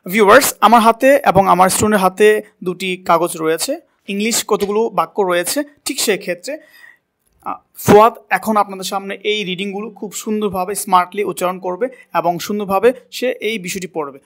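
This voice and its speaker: A man's voice: high voice, fairly even intonation, quick pace, fairly bright tone. Man coaching English pronunciation. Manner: coaching pronunciation, asks and repeats words. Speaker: spoken English teacher. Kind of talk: classroom lesson in Bengali with English words.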